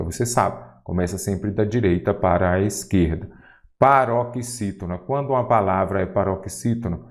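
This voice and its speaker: A man's voice: low voice, darkish tone. A man from Brazil teaching an exam-prep grammar lesson, asking rhetorical questions and stressing key words.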